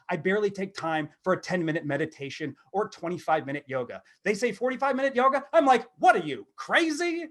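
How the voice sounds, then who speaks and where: With a voice pitched a little high, a middle-aged American co-host keeps the podcast lively, rambling and putting himself down for laughs. The delivery blends comic monologue with easy back-and-forth chat.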